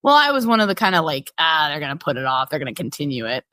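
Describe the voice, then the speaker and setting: A woman's voice: low-pitched, very animated, fast, sharp tone, no room sound. A woman co-hosting a podcast, chatting casually and reading out listener questions, with frequent restarts and fillers. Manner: chatty, many restarts and fillers, laughs easily. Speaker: podcast co-host.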